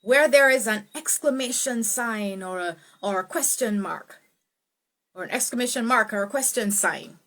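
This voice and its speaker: Expressive woman coaching speech online. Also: moderate pace. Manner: expressive, swoops pitch up and down for emphasis; greets viewers by name, laughs easily. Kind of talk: live online tutorial.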